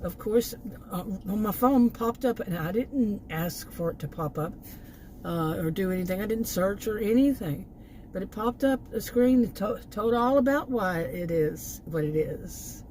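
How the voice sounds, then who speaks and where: A woman from Texas vlogs in a casual, rambling rant about life as a food delivery gig worker. Her medium-pitched, slightly mellow voice is expressive and measured, exasperated, with chuckles between remarks, on a rough recording with slight background noise.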